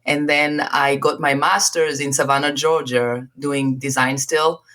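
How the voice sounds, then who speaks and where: A woman's voice: low-pitched, steady tone, unhurried, a bit bright. A woman from Tanzania, a podcast guest, talking casually about her background and laughing often. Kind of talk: casual interview chat.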